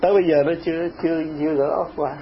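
An older man with a Southern Vietnamese accent, telling stories in an animated, lively way in casual chat, often laughing. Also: fairly high pitch, very fast. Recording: muffled lo-fi tape with faint hiss.

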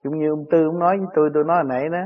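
A Southern Vietnamese man speaks as a spiritual teacher, answering disciples with homely stories and frequent chuckles. His voice sits a little high. The recording is dull and lo-fi, like an old tape. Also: steady tone, very fast. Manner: chuckling, plain-spoken storytelling.

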